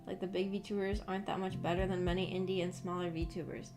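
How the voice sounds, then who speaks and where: With music in the background, a woman streamer talks casually to her viewers as a VTuber, rambling, hesitating and thinking out loud. Her voice is on the low side, level in tone and quick.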